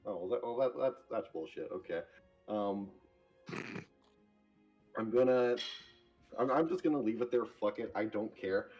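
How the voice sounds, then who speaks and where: A man's voice: lowish voice, measured pace, pauses often, a little mellow, faint music behind. A man playing a tabletop game, voicing an unhinged gunsmith in a brash, profane way. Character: unhinged male gunsmith, reckless and crude. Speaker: player.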